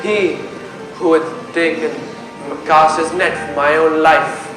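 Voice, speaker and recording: A young man with a somewhat high voice speaks slowly and steadily, declaiming theatrically as a brooding, passionate prince in a school Shakespeare production. He's on an indoor stage in a hall, and the recording is very echoey with loud music behind him.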